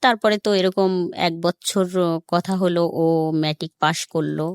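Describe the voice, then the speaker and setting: A woman with a Bangladeshi accent tells her life story as a guest on a radio interview, talking colloquially and acting out dialogue she remembers. Her voice is fairly low, at a normal pace, in a dry recording.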